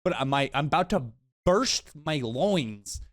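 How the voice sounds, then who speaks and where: A man's voice: on the high side, expressive, unhurried, no echo, clean studio sound. A young man telling a storytime vlog, exasperated and rambling, repeating words and using slang. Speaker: vlogger.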